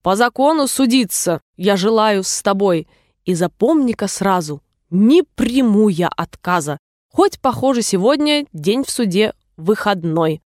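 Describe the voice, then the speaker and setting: Woman playing a smug judge cat, slow and weighty, storybook. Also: mid-range voice, animated, a little mellow, no room sound, studio quality, natural voice. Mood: menacing. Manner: slow, self-important. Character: pompous cat as judge in a poem.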